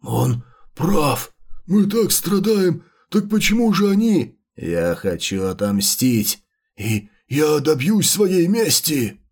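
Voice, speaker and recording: A man's voice: on the high side, sing-song, slow, husky, heavily acted. Man voicing a wailing, anguished undead chimera. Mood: wounded, wailing, then vengeful. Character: anguished vengeful undead chimeras, betrayed soldiers of rotten flesh. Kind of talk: dramatic audiobook character voices.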